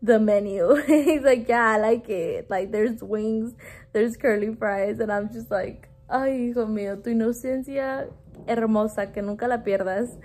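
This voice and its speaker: A woman's voice: on the high side, measured pace, a little mellow. Chatty young woman vlogging on her phone. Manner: chatty, mixes English and Spanish, laughs often, many "like" fillers. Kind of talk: casual vlog talk to camera. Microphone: phone held at arm's length.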